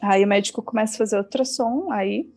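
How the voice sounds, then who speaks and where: A woman's voice: mid-range voice, fairly quick, darkish tone, soft background music. A young adult woman from Brazil, an interview guest, telling a personal story in an earnest, emotional way, often adding small fillers.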